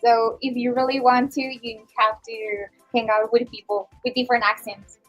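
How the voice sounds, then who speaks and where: Young woman, high voice, chatty student guest. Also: level tone, moderate pace, a bit bright, soft background music, rough recording. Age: young adult. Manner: chatty, leans on "like" as a filler. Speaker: student guest on school radio. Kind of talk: casual chat.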